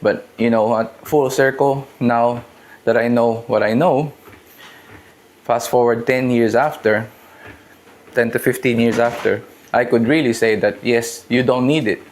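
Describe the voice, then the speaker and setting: A man's voice: medium pitch, steady tone, a little slow. A man around thirty, host of a home-gym fitness channel, talking casually and loosely to camera with restarts. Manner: chatty, loose, restarts and hedges.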